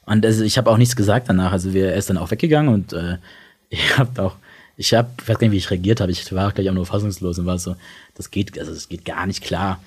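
Husky young man, halting and reflective. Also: deep voice. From Germany and Italy. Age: young adult. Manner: reflective, halting, many restarts and fillers. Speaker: interview guest. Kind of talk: casual personal talk.

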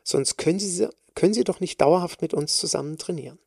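A woman's voice: on the low side, brisk, gravelly, darkish tone, husky, no room sound, studio quality. A woman hosting a solo podcast, speaking as a personal trainer in an emphatic way, stressing and repeating words.

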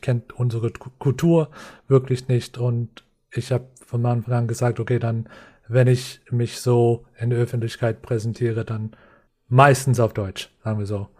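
A male podcast guest, a non-native speaker whose first language isn't German, comes from a Lakota reservation in the US Northern Plains. His medium-pitched voice has a warm, dark tone and even delivery. Reflecting and explaining in an interview, he speaks hesitantly, with many fillers and restarts.

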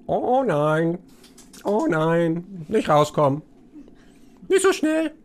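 A hesitant dungeon rat, voiced by a man running the game, mutters in short, halting bits and repeats itself. The voice sits high for a man and swings up and down a lot. A faint hiss sits behind it. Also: sing-song, full character voice.

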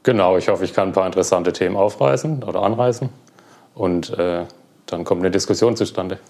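A young man being interviewed, talking relaxed about his work with many fillers. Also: low-pitched, fairly quick. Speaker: guest, cloud platform engineer. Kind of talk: casual interview.

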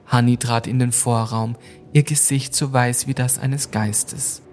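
A man narrating a scripted ghost story for a mystery podcast, measured and suspenseful. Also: mid-range voice, steady tone, a little mellow, faint music behind.

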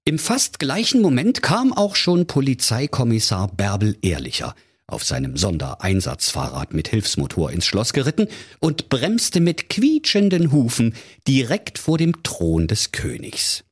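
A man's voice: medium pitch, very animated, measured pace, breathy edge. A man narrating a comic fairy tale for children in a playful, mock-solemn storyteller's manner.

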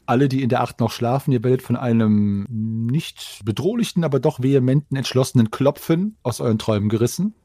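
A man's voice: medium pitch, fairly quick, few pauses, dark tone, no room sound, studio quality. A man narrating an improvised tabletop fantasy game as game master.

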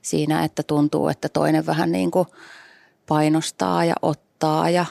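Low gravelly-voiced woman musing aloud. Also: flat delivery, a little mellow, no echo. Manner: thoughtful, searching for words. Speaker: guest journalist. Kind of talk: casual podcast chat and reading aloud.

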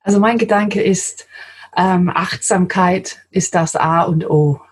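A woman's voice: lowish voice, steady tone, slow, husky. A woman in her forties from London with an English accent, talking in German as an interview guest, giggly and hesitant with many fillers. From London, England. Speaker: guest, translator. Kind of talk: casual interview chat.

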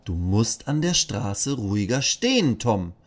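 A man voicing a patient female schoolteacher who gently admonishes a child in a children's audio story. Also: on the low side, very animated, a little slow. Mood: admonishing.

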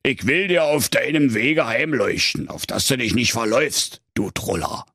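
A man's voice: mid-range voice, expressive, moderate pace, a bit bright, no echo, studio quality, voice pushed up. A man voicing a crude, gluttonous male moon in a comic fairy tale. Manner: crude and gravelly.

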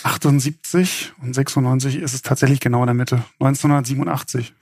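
A man's voice: mid-range voice, steady tone, fast talker, a little mellow, breathy edge, no room sound, clean studio sound. A man speaking as an informal game show host, chatty and explanatory as he runs a quiz. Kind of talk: casual game show hosting.

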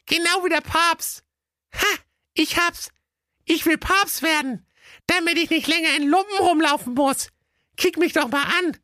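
A man putting on a shrill falsetto greedy wife, bossy, scolding, piercing and bright, comic audio fairy tale, dry close mic. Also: unhurried, no echo, full character voice. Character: greedy lazy demanding wife, middle-aged woman.

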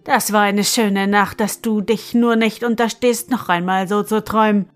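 A woman reading as a gruff, grumbling griffin. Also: medium pitch, steady tone, moderate pace, faint music behind, natural voice. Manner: loud, grumbling, demanding. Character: gruff male griffin, golden-feathered, irritable.

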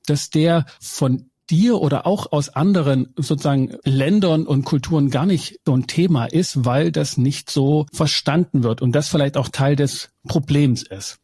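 Male podcast host with a dark, slightly husky voice; composed and articulate, dry close recording. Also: a little high, dry recording. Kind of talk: podcast intro and interview.

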